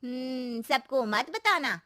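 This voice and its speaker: A woman's voice: high voice, expressive, unhurried, dry recording, clean studio sound, pitched above the performer's own voice, heavily acted. A woman voicing an older neighbor aunty in a cartoon moral story, who gives knowing warnings. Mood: sly. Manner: warns in a hushed, knowing tone.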